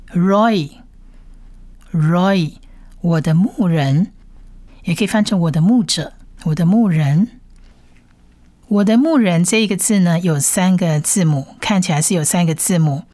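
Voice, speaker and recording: Spelling out letters patiently and repeating each sound several times, a woman guides learners slowly, step by step, through reading Bible Hebrew. Her voice is lowish and darkish in tone, with no room sound.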